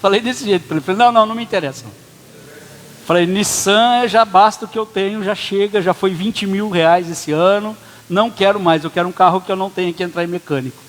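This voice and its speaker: A man with a high-pitched, fairly bright voice talks quickly as a pastor, telling a personal story in a casual, conversational sermon and acting out the dialogue. He's in a church hall, and the recording carries long church reverb.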